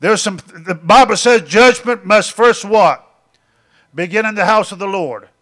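Middle-aged guy preaching, high bright voice, keeps saying amen, repeats himself a lot. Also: measured pace. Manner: frequent interjected amens, repeating phrases. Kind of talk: sermon.

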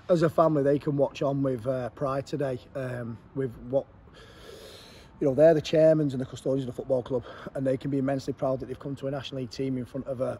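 A man's voice: mid-range voice, dark tone, slight background noise. A man in his forties with an English accent, a football manager giving an earnest post-match interview outdoors at a ground, repeating words as he thinks.

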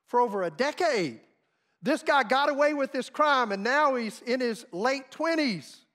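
A man preaching a sermon, telling stories with emphasis and big swings between loud and soft. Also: sits high. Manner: storytelling, emphatic, dramatic swings in volume. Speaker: pastor.

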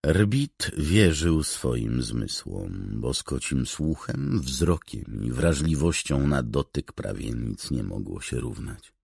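Deep husky guy narrating an audiobook, slow and gravelly, dry close mic. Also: very animated, darkish tone, dry recording. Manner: measured, unhurried reading. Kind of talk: scripted narration.

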